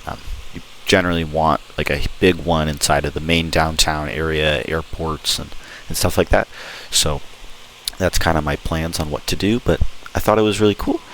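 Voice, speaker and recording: A man's voice: extremely low pitch, fairly even intonation, moderate pace, a bit bright, low-quality recording. A man giving an enthusiastic, informal walkthrough commentary as host of a gameplay video. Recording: clear background noise.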